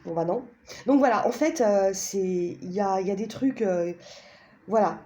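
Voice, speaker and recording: A woman's voice: medium pitch, moderate pace, mellow. A woman casually presenting a pendulum and a card deck, talking hesitantly with many fillers and tag questions, chatty and self-mocking.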